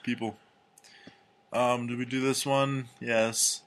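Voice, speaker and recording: Man, podcast co-host, crisp bright voice, reads news aloud, crude deadpan humor. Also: mid-range voice, slow. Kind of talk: casual comedic chat, reading news stories and ads aloud.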